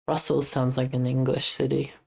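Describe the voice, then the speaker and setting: A woman's voice: a bass voice, flat delivery, normal speed, gravelly, husky. An Australian woman streaming live, chatting casually in a rambling way and reading chat messages aloud before answering them. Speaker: livestreamer.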